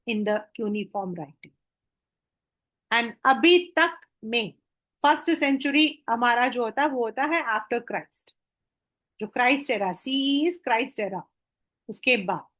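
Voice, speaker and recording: Slow, high-voiced Indian woman teaching. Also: a bit bright. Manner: mixes Hindi and English, slows way down on English phrases. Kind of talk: exam-prep history lesson.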